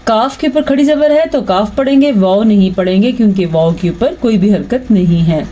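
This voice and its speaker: A woman teaching Quran recitation, explaining patiently and reciting verses in a slow chant. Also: mid-range voice, lively intonation, mellow, lo-fi sound. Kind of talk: online tajweed lesson.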